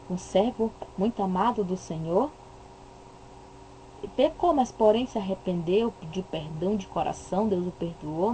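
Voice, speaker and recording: A religious commentator with a Brazilian Portuguese accent delivers an impassioned monologue, emphatic and packed with rhetorical questions. Her medium-pitched voice is mellow, and the low-quality recording carries a little hiss or hum.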